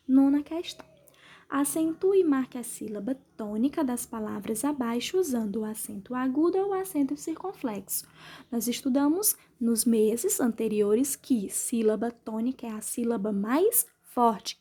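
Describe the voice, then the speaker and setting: A woman teacher from Brazil with a high, husky voice, walking her pupils through the answers of an exercise. She speaks patiently and drags out each word she spells, and her tone is soft and mellow. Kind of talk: remote class lesson, correcting exercises.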